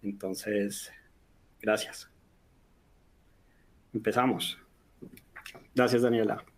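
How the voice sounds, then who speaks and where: A man's voice: fairly low pitch, fairly even intonation, drawn-out words. A man from Colombia, giving a technical webinar lecture in an explanatory way, lifting his voice on questions. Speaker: technical presenter.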